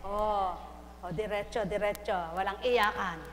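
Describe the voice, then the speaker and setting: A woman's voice: medium pitch, fairly even intonation, unhurried. A woman leading a live prayer session, coaxing and urging someone in short repeated phrases and laughing often. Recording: echoey hall from far off.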